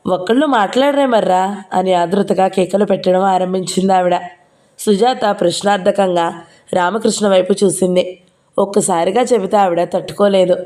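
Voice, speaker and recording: A woman reading a novel aloud in a steady, even storytelling voice. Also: mid-range voice, normal speed.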